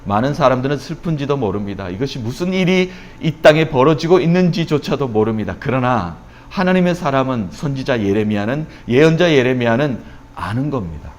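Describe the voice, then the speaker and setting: A middle-aged male pastor preaching a sermon, building to loud lamenting questions and then dropping low and soft. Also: animated, brisk.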